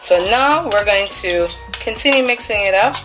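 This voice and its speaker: A woman at her kitchen counter and stove, narrating a casual cook-along with an upbeat, chatty manner. Her voice sits in a middle range, picked up by a camera on the counter. Soft music plays faintly behind her. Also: mid-range voice, lively intonation, moderate pace. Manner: chatty, upbeat, talks through each step. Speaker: cooking vlogger.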